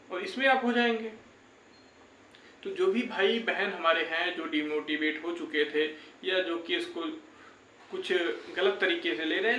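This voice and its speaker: With a high, sharp-toned voice, this young YouTube presenter gives viewers a casual, reassuring exam update and keeps circling back to the same phrases. Slight background noise sits under an echoey, roomy recording.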